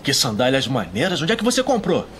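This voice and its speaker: Um ator dublando um rapaz alegre e esquecido que cumprimenta todo mundo, numa cena de filme. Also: male voice, medium pitch, wildly swooping pitch, fast, fairly bright tone. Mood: friendly. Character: cheerful forgetful young man greeting. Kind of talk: dubbed film dialogue. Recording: film clip with faint noise.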